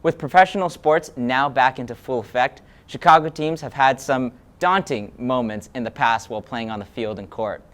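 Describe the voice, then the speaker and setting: A man's voice: medium pitch, normal speed, hardly any pauses, fairly bright tone. A young man hosting a student sports news show, reading his script in an upbeat, playful anchor manner.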